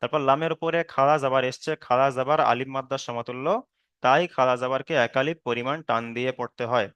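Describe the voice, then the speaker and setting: A man teaching Quran recitation rules in a patient online lesson, explaining slowly, checking in with students, and drawing out chanted examples. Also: medium pitch, fairly even intonation, a bit bright, clear, resonant tone, no room sound, muffled recording. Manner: drawn-out chanted Arabic examples.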